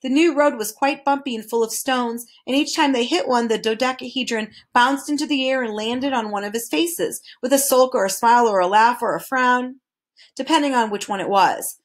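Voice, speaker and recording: A woman reading a children's novel aloud as narrator. Her storytelling is clear and steady, and her voice sits fairly high. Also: normal speed.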